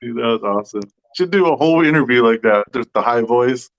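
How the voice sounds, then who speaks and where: A man's voice: mid-range voice, expressive, a little fast, dry recording. A man from the Tohono O'odham Nation, a guest musician chatting casually and swearing now and then. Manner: laid-back, swears casually. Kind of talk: casual chat. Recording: slightly dull, dry sound.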